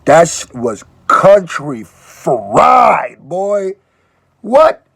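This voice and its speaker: A man raised in Nigeria hosts a reaction video and talks in a loose, joking way, often cutting in on the clip he plays. His voice sits a touch high and swings widely in pitch. The sound is dry, with no room echo. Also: drawn-out words, creaky, husky. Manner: animated, joking, interjecting. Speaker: YouTube reaction host. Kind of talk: casual reaction commentary.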